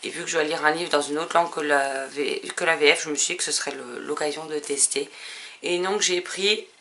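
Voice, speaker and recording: A woman's voice: sits low, steady tone, fairly quick, a bit bright, slight background noise. A woman vlogger chatting casually about her book purchases, rambling and full of hesitations. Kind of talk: casual book haul chat.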